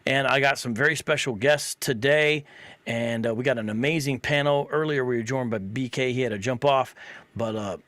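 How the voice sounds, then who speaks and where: A man's voice: mid-range voice, normal speed, a bit bright, no room sound. A man hosting a live online talk show, easygoing and casual, calling his guests bro and man.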